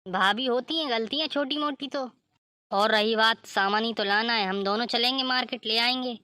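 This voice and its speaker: A woman's voice: on the high side, moderate pace, sharp tone, dry recording, clean studio sound. A woman voicing a kind, supportive young sister-in-law in a cartoon story. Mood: reassuring. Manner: reassuring, kind.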